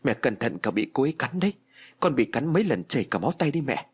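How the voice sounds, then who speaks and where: A man voicing an evasive young husband in a spoken ghost story, talking in a hurried, defensive way. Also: mid-range voice, sing-song, husky.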